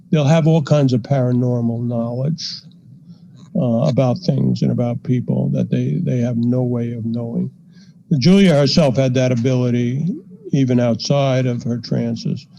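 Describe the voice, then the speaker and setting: An older man, a psychiatrist guest on a podcast, telling a story in a measured way with frequent fillers. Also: medium pitch, gravelly, dark tone, a little hiss or hum. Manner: measured, anecdotal, frequent "you know" fillers. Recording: dull lo-fi podcast audio.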